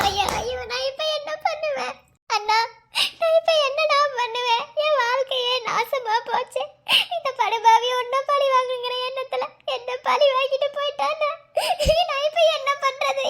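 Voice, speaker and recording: Squeaky wailing betrayed cartoon girl. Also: steady tone, normal speed, fairly bright tone. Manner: tearful wailing, pleading. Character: betrayed young pregnant woman, wailing and pleading. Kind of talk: cartoon love-story voice acting.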